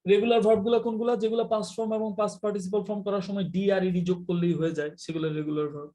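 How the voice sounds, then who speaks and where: A man's voice: high voice, steady tone, rapid-fire, dark tone. A man from Bangladesh teaching English in a live online class, chatty and teasing, mixing in English phrases.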